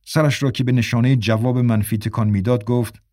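Brief: male audiobook narrator, measured and even, dry close sound. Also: medium pitch, dry recording.

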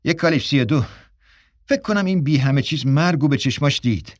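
A man's voice: a little high, no room sound, lightly acted. A cocky, wisecracking editor, played by a man, tosses off lines in a breezy, joking way. The sound is close and dry, like a studio radio play. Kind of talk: radio drama acting.

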